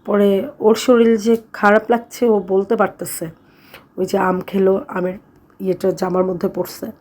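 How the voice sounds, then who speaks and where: Woman, vlogger mom, from Bangladesh, casual narration, steady flat delivery, mid pitch. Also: normal speed. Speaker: vlogger mother.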